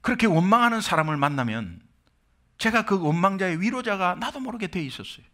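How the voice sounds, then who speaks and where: A man's voice: sits high, sing-song, brisk, a bit bright. A middle-aged man from Korea, a pastor preaching an impassioned sermon full of rhetorical questions.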